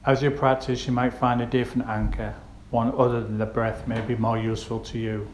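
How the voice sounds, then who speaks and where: A male meditation guide speaks gently at a mid pitch, with flat, steady intonation and unhurried phrasing broken by pauses. The recording is roomy and echoey, with faint background noise.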